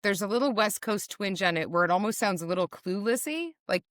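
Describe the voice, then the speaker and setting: A middle-aged woman hosting a podcast in casual chat, with a low voice people mistake for a man's, blunt and animated. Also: brisk, no echo, studio quality. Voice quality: low voice often taken for a man's on the phone. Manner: blunt, animated, swears for emphasis. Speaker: podcast host.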